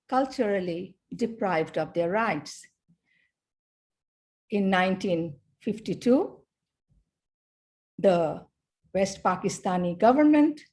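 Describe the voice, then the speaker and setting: A middle-aged Bangladeshi woman gives an academic conference talk in an unhurried, measured manner, speaking in short phrases separated by pauses. Her voice has an ordinary middle pitch and a somewhat dark tone.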